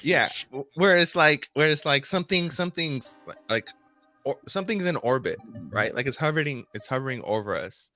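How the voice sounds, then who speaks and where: A man's voice: mid-range voice, animated, fairly quick, pushed and bright, faint music behind. A man hosting a casual group chat about crypto, enthusiastic and rambling, laughing easily.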